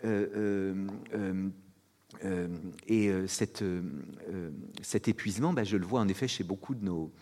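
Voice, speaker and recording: Reflective male speaker, lowish voice, halting delivery, hall reverb. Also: darkish tone. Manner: hesitant, many fillers and restarts. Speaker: speaker on fatigue and rest. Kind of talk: reflective spoken talk.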